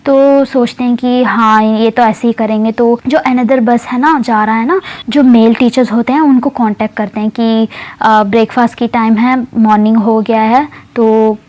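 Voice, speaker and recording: A woman's voice: a little high, steady tone, moderate pace, a little mellow. A woman telling a story casually, in a chatty way with many hesitations and English words mixed in.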